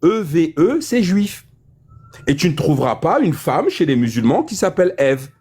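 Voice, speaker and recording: A man's voice: fairly high pitch, very animated, normal speed, darkish tone, slightly rough. A man lecturing insistently in a heated public debate, repeating his points. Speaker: debate speaker.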